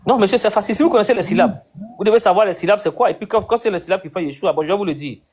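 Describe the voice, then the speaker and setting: A man's voice: high-pitched, very fast, darkish tone, breathy edge. A man hosting a debate, insistently questioning his guest and repeating his points. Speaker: debate host. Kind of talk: live debate conversation.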